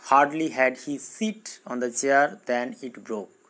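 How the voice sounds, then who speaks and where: Man, exam-prep teacher, slow careful reading, then quick explanations. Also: mid-range voice, fairly even intonation, fairly bright tone, low-quality recording. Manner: reads English questions slowly, explains in Bengali. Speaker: English teacher. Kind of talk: exam-prep grammar lesson.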